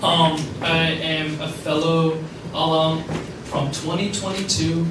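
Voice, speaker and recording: A man's voice: on the high side, level tone, slow pace. Young man from Afghanistan, echoey event speech. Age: young adult. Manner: rambling, many fillers. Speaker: alumni speaker. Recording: echoey room from far off, background noise.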